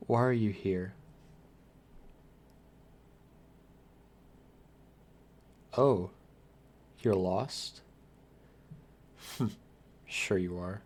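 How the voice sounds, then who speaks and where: In a wry, theatrical ASMR roleplay, a man with a lowish voice plays a lonely, guarded undead vampire addressing the listener directly. His mood is taunting and suspicious.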